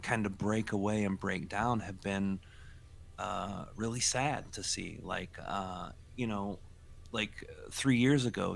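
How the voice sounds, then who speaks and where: A man in his forties co-hosting a casual livestream chat, talking in a reflective, unhurried way with trailing fillers. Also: on the low side, creaky, a bit bright, a little hiss or hum. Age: 40s. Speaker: co-host, channeler.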